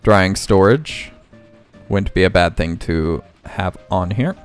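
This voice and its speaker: Slow, easygoing man narrating gameplay. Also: deep voice, clear, resonant tone. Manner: thinks aloud, self-correcting, relaxed. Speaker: let's play host. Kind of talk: casual gameplay commentary. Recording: game music playing faintly underneath.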